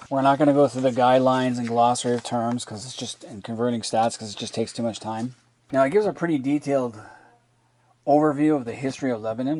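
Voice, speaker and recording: A man's voice: medium pitch, a little mellow, no room sound. A man casually reviewing a roleplaying sourcebook and retelling its lore, rambling, with many restarts and asides.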